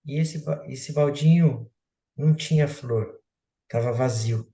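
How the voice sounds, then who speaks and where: Gravelly man telling a story. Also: medium pitch, takes it slowly. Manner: animated storyteller, frequent restarts. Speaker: speaker at a community talk. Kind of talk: storytelling talk. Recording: roomy echoey room.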